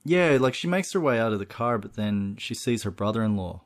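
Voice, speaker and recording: This podcast co-host, a man with a lowish, expressive voice, talks fairly quickly as he casually walks through a film's story at length. He keeps saying "you know" and "look."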